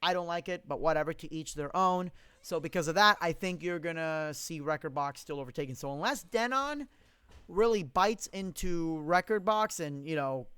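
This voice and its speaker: A young man with a high, smooth, clear voice hosts a casual live-stream Q&A, reading out viewer comments. He answers bluntly and profanely, ranting with strong opinions. The sound is close and dry, from a condenser mic in a home studio. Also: moderate pace, bright, forceful tone, dry recording.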